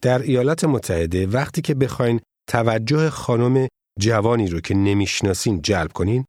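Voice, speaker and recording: A man narrating a scripted language lesson in a measured, formal teaching manner. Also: medium pitch, expressive, darkish tone, no room sound, clean studio sound.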